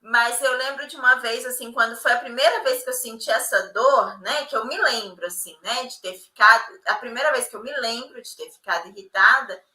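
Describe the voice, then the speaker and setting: Woman, 30s, reflective conversational daughter; high, very bright voice, roomy echo. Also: a little fast, few pauses. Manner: reflective, filler-heavy with frequent "né?". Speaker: daughter, co-host. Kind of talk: casual conversation.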